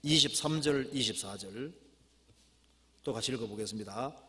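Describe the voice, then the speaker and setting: Male pastor, middle-pitched voice, slow emphatic scripture reading, plain teaching in between. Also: bright, forceful tone. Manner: reads scripture slowly and emphatically, then explains in plain talk.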